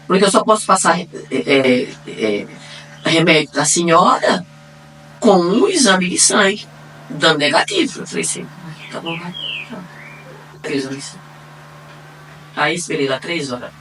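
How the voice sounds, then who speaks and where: A woman with a Brazilian accent giving a personal faith testimony, acting out the dialogue as she retells it and swinging between quiet and excited. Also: on the low side, normal speed, pauses often, slight background noise. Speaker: testimony giver. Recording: distant mic, faint room ambience.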